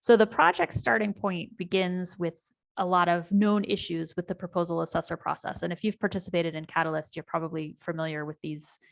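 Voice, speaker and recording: A middle-aged woman from the United States, a community presenter, shares her story and a project during an online town hall on a video call, full of ums and restarts. She sounds low, gravelly, steady, and brisk, though the audio quality is poor.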